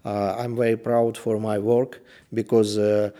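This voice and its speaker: A man with a Russian accent answering interview questions in halting English, pausing often to search for words. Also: fairly low pitch, flat delivery, warm tone. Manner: hesitant, searching for words in simple phrasing. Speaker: sports federation official being interviewed.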